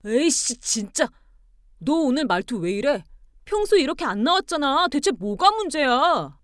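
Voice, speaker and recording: A woman voicing an angry young husband who shouts and bullies his wife. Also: fairly high pitch, animated, normal speed, no room sound, clean studio sound, natural voice. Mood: angry shouting. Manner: shouting, indignant, stammering when cornered.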